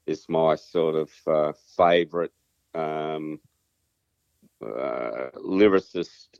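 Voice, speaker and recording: A man's voice: extremely low pitch, very slow, gravelly, darkish tone. A man with an Australian accent chatting casually as a musician guest in an interview, hesitant, rambling and modest about himself. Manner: hesitant, rambling, self-deprecating. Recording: muffled, roomy sound.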